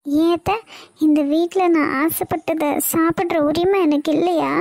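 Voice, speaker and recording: A woman's voice: extremely high pitch, fairly even intonation, measured pace, darkish tone, no echo, clean studio sound. Woman doing a whiny spoiled cartoon girl. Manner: whiny, self-pitying complaints.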